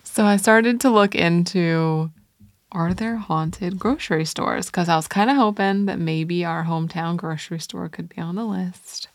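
A woman's voice: on the low side, measured pace, no room sound, studio quality. A woman co-hosting a podcast, telling strange stories in a playful, casual way. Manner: playful, laughs between lines. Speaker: podcast co-host. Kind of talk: casual storytelling.

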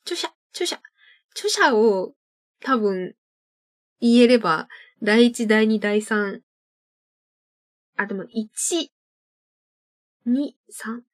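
A woman's voice: a little high, expressive, drawn-out words, long pauses. A young woman hosting her own internet radio show, chatting casually and laughing at her own tongue-twister slips. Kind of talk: casual solo radio talk.

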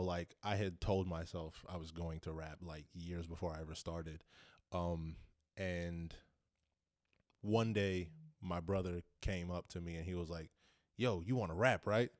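A young man, a rapper and producer, answering interview questions in a relaxed, rambling way with restarts. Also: deep voice, no room sound, studio quality.

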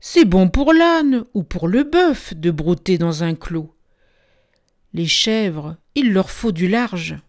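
A woman voicing a headstrong young female goat in a storybook reading, soft and pleading but stubbornly polite. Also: fairly low pitch, expressive, slow pace. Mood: dreamy.

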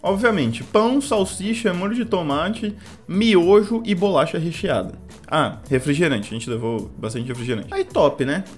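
A man's voice: on the high side, lively intonation, normal speed, faint music behind. A young man telling a funny story from his school days in a slangy, profane, rambling way. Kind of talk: casual comedic story-time.

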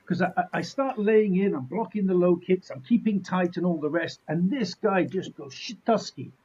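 High, husky man telling stories. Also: normal speed, darkish tone, dull audio. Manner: jokey, self-deprecating, mildly sweary, acts out remarks. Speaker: martial artist being interviewed. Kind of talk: animated anecdotal storytelling in casual chat.

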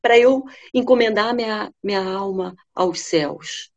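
A woman's voice: medium pitch, a little slow, muffled recording, close to an everyday voice. A woman voicing a frightened, naive young wife who pleads desperately for her life. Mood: desperate pleading.

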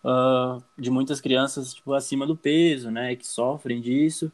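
A man's voice: mid-range voice, level tone, a little slow. A young Brazilian man answering interview questions casually, with many fillers and restarts. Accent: Brazilian Portuguese. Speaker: guest.

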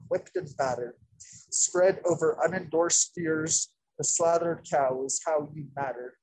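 A man's voice: on the high side, darkish tone, husky. A man whose voice is muffled by a face mask, performing rhyming spoken-word poetry at an open mic from inside a train. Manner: rhythmic, rhyming recitation.

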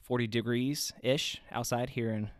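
A man's voice: mid-range voice, fairly even intonation, measured pace, dry recording. Hesitant male podcast host, dry sound. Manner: hesitant, full of "uh" fillers. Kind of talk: casual podcast conversation.

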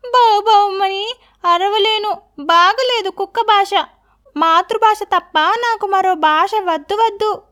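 A woman's voice: extremely high pitch, a bit bright, voice pushed up, heavily acted. A woman voicing a hungry orphaned kitten, crying and pleading in a storybook reading. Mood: tearful pleading. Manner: tearful, pleading, drawn-out.

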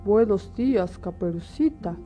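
A woman voicing a sly, hungry male storybook wolf in a slow, drawn-out wolf voice. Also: mid-range voice, lively intonation, warm tone, natural voice. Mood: falsely friendly. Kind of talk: storybook character acting. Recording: music behind the voice.

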